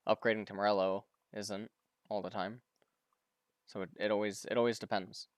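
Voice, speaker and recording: A man's voice: lowish voice, flat delivery, moderate pace, dry recording, clean studio sound. A man streaming live, casually commenting on a pro match, often stumbling, repeating words and answering viewers' questions.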